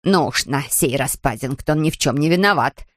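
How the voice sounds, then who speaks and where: A no-nonsense older housekeeper, played by a woman reader, speaks in clipped, stern phrases. Her voice sits slightly low and sounds dry and close. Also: moderate pace, dry recording.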